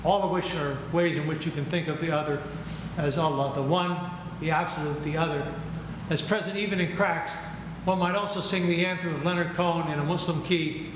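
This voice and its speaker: An older male guest lecturer speaking in a measured, reflective way, with gentle humor, giving a lecture and taking questions. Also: a little high, steady tone. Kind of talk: academic lecture and Q&A. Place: lecture hall. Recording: echoey hall with ambient noise.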